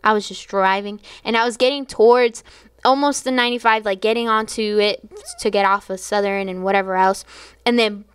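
A woman's voice: mid-range voice, fairly even intonation, brisk, smooth, no echo. A woman in her twenties, a missionary guest, telling a personal story in an earnest, chatty way with frequent laughs and fillers. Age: 20s.

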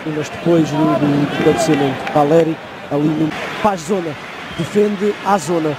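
A man with a European Portuguese accent giving analytical football co-commentary, explaining in halting phrases. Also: a little high, fairly even intonation, a loud crowd. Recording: clear outdoor stadium noise behind.

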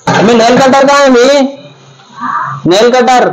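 A man's voice: very high voice, takes it slowly, poor audio. A man opening his vlog at home with an upbeat greeting, mixing English phrases into casual Hindi talk. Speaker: vlogger. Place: at home, kitchen.

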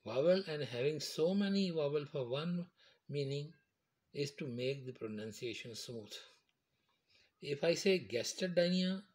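Man slowly explaining medical terms. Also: a little high, a little mellow. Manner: slow, repetitive, explains step by step. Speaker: teacher. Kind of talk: medical terminology lecture.

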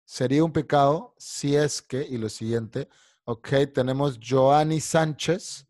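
Brief: bilingual male teacher, mid pitch, dry sound, patient step-by-step explainer on a video call. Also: takes it slowly, a little mellow, no echo. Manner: explains patiently, mixing Spanish and English. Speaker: English teacher. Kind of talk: online English class.

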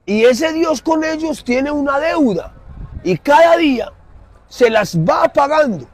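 A middle-aged man with a Colombian Spanish accent preaching emphatically in an outdoor city plaza, swinging from loud to soft. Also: extremely high pitch, expressive, takes it slowly. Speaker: street preacher. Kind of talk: impassioned street sermon.

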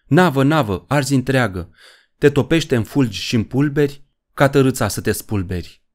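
A man's voice: mid-range voice, expressive, pitched above the performer's own voice, close to an everyday voice. A man voicing an old wrinkled witch chanting a curse in an audiobook. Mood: cursing.

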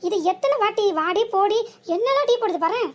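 A woman's voice: very high-pitched, animated, fairly quick. A woman voicing a defiant young sister-in-law in a comic cartoon, with a southern Tamil village accent and a mocking, back-talking manner. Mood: sarcastic. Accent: southern Tamil village dialect. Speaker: cartoon character.

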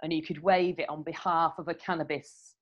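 A podcast host with a deep voice chats casually in an interview, telling stories and laughing often. Her intonation stays fairly even and she speaks fairly quickly. The recording has a slightly dull, lo-fi sound.

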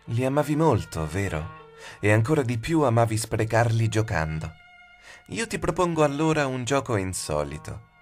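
A man voicing a sinister faceless shadow woman who speaks softly, taunting and cold, in an audiobook. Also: medium pitch, very animated, moderate pace, faint music behind. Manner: soft, taunting, half-whispered. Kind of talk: audiobook character voice.

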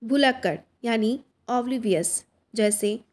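Slow, higher-voiced woman reading vocabulary. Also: a little mellow. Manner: reads word lists, term then its meaning, evenly. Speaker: vocabulary teacher.

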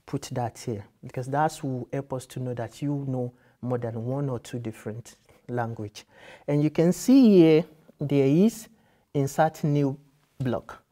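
In a screen-share tutorial recorded in an indoor office with computers, a university admissions guide walks applicants through a form. He's a man in his thirties whose first language is Yoruba, with a mid-range, dark-toned voice, and he explains patiently, rephrasing as he goes.

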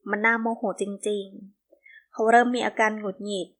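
A woman narrating a novel in a steady storytelling manner. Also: medium pitch, moderate pace. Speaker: audiobook narrator. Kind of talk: scripted narration of a romance novel.

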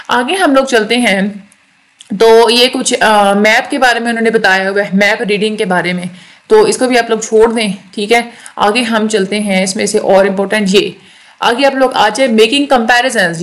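Woman teaching, slightly high voice. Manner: explains slowly, repeats words, checks in with "ठीक है". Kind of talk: recorded lecture on English grammar.

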